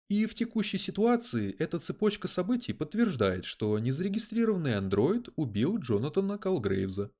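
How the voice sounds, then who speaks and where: A man's voice: a little high, a little mellow, pitched above the performer's own voice. A man voicing a prim, coldly logical male detective android who speaks in an oddly mechanical, lecturing way. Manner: precise, lecturing, unflappable.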